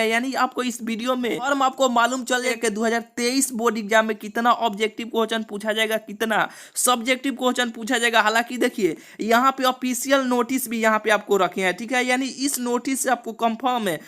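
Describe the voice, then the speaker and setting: A man's voice: extremely high pitch, little pitch movement, fairly quick, hardly any pauses, pushed and bright. Man explaining exams. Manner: repetitive, keeps saying "see" and "okay". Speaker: exam coaching channel host. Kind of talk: explanatory video talk to students.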